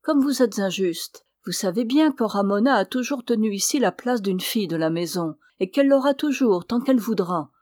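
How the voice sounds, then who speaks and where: A woman voicing a proud, controlling elderly mother who speaks in a calm, measured, quietly persuasive way, in a dry recording. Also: medium pitch, no echo, close to an everyday voice. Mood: coolly persuasive.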